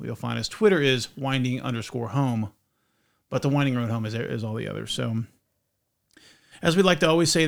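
A male podcast host with a voice sitting right in the middle of the typical male range. He talks in an easygoing, rambling way, circling back on his thoughts and restarting sentences as he goes. It is relaxed, conversational chat about everyday life. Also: mid-range voice, vocal fry. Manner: rambling and chatty, with frequent restarts.

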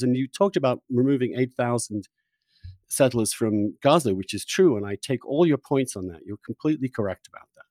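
A man hosts and interviews on a podcast in an argumentative political conversation, pressing his points bluntly and insistently and often stammering into restarts. His voice is medium-pitched and a little mellow, with no echo.

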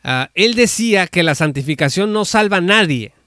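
A man's voice: high-pitched, animated, moderate pace, bright, forceful tone, no room sound. A man teaching on salvation in a conversational preaching style, retelling Scripture with fillers and restarts. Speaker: Bible teacher. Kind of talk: informal teaching talk on an audio space.

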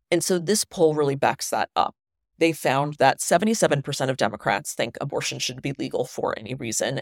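A woman hosting a solo news commentary show, speaking in an earnest, emphatic way and stressing points by repeating words, on low-quality audio made without her usual microphone in a family home. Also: gravelly, dry recording, studio quality. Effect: low-quality audio recorded without her usual microphone. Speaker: podcast host and newsletter writer.

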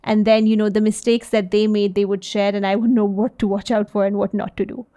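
A woman in her thirties, raised in India and the US, answering interview questions in a relaxed, thoughtful way with many fillers and restarts. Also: mid-range voice, a little fast. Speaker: interview guest, social enterprise CEO. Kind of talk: casual interview conversation.

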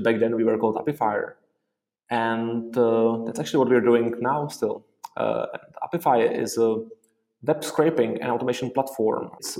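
A man's voice: medium pitch, a little mellow. A man in his forties from the Czech Republic with a Czech accent, a podcast guest explaining his work patiently, with many "uh"s and "you know"s. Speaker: guest, software company co-founder. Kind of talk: interview answers. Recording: roomy echo.

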